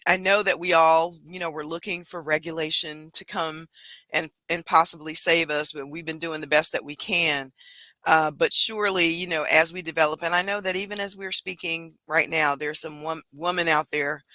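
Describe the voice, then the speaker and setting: A woman co-hosting a casual online panel, speaking in an animated way with frequent laughs and a slightly hoarse morning voice. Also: fairly low pitch, no room sound. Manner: animated, laughs often, lingers on words. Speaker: panel co-host.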